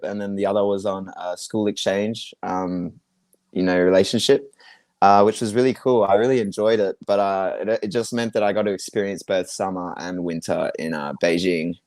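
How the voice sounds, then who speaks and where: A man's voice: fairly low pitch, fairly even intonation, moderate pace, a little mellow, dry recording. A young Australian man chatting casually as a guest. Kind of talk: casual chat.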